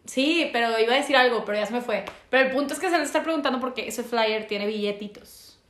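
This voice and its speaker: A young woman telling stories in a casual, slangy, animated way as podcast co-host. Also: on the high side, fast talker. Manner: animated, slangy, acts out quotes. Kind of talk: casual storytelling chat. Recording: echoey room.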